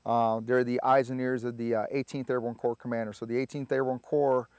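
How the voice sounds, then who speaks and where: A man, a Spanish speaker, telling his story in a relaxed, halting way full of filler sounds. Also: medium pitch, no room sound. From Puerto Rico. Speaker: army veteran guest. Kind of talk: casual interview storytelling.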